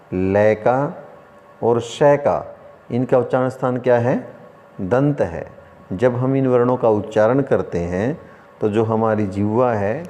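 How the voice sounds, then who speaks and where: A man teaching an online lesson, who explains slowly by asking questions and then answering them himself. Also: medium pitch, dark tone. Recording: room with long reverb.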